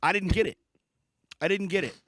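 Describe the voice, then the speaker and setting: A man's voice: brisk, fairly bright tone, breathy edge, dry recording. A man in his thirties from Michigan, co-hosting a podcast and telling rambling stories full of fillers. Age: 30s. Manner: rambling, filler-heavy storytelling, swinging pitch. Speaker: podcast co-host. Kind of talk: casual chat.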